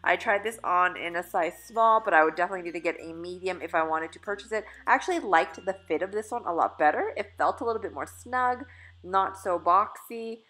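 Filming into the dressing-room mirror on her phone, a woman in her thirties walks through a try-on haul as a fashion vlogger. Her voice is lowish, brisk and fairly bright, and she keeps things upbeat and casual, correcting herself and using lots of fillers.

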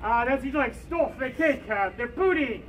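A woman's voice: sits high, animated, fairly quick, rough recording. A woman vlogging in a pirate fursuit costume inside a drugstore, chatting playfully with lots of filler sounds and pirate interjections. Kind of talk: playful pirate-themed vlog chat.

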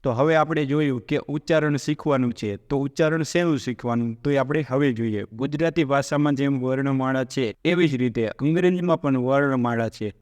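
A man teaching a spoken language lesson. He asks questions and answers them himself, and slows down to spell out example words. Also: mid-range voice, a little mellow, long reverb tail. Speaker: English teacher.

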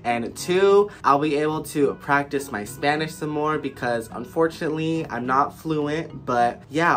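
A young man in his twenties, a plant vlogger, gives a casual, upbeat voice-over tour of garden plants from an indoor room with plants, sounding congested and nasal from a cold. His voice is on the high side and a bit bright.

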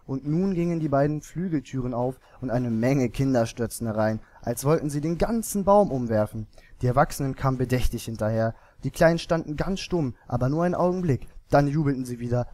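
A man narrating a fairy tale in an expressive storybook manner. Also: medium pitch, brisk.

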